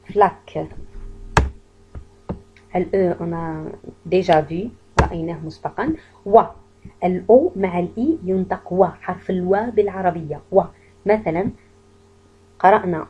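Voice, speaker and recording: A woman's voice: fairly low pitch, slightly rough, highs cut off. Patient woman teaching French sounds. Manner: patient, repeats each word slowly for learners. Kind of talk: language lesson explaining French pronunciation.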